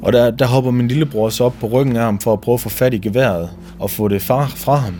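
A Danish man giving documentary testimony, retelling events vividly in a halting way with repeated words. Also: mid-range voice, mellow, soft background music. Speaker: interviewee recounting family events.

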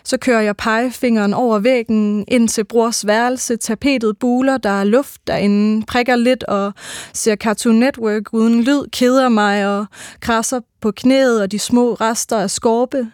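A woman giving a measured, rhythmic reading of her own first-person literary prose. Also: a little high, steady tone, darkish tone, dry recording, clean studio sound.

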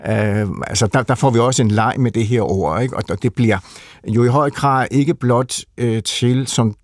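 A man's voice: mid-range voice, dry recording, studio quality. A man explaining a literary subject in a conversation, thoughtful and hesitant, with many fillers and restarts. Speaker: literature expert guest.

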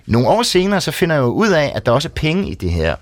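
A man on a radio show casually telling a long personal story, acting out the people who shouted at him. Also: on the high side, huge pitch swings, dry recording. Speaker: guest storyteller. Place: radio studio.

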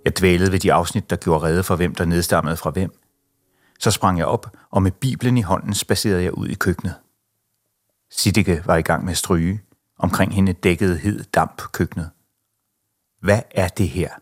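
A man with a deep, low voice reads a novel excerpt in a measured, expressive way. Faint music plays quietly beneath him. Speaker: reader. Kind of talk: literary reading.

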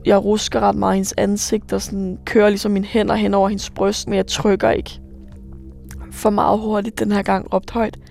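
A woman in her twenties, a bar worker, telling her own story for radio in a halting way, with many fillers and vivid recollection. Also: mid-range voice, level tone, gravelly, a little mellow, soft background music. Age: 20s. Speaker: bar worker recounting rescues.

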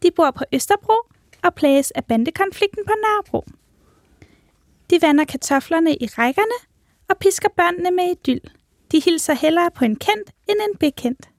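A woman's voice: extremely high pitch, lively intonation, no echo, clean studio sound. A woman with a light, almost childlike voice reading a poem aloud as a guest. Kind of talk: poetry reading.

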